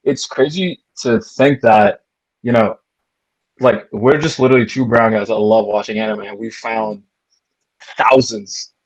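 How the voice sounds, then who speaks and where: A man's voice: fairly low pitch, fairly even intonation, measured pace, no room sound, muffled recording. A young man from Canada co-hosting a casual podcast, rambling playfully with many restarts. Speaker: podcast co-host. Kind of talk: casual chat.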